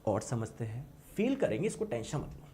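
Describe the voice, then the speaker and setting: A man's voice: mid-range voice, big pitch swings, moderate pace, mellow, slight background noise. A man teaching a physics lesson to exam students with lots of energy, repeating words for emphasis and asking the class yes-or-no questions.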